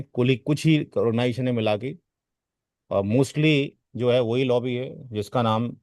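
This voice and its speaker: A man's voice: mid-range voice, darkish tone, no echo. A man teaching a networking class in a lecture style, drifting off topic, repeating words for emphasis and asking his students rhetorical questions. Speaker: networking trainer.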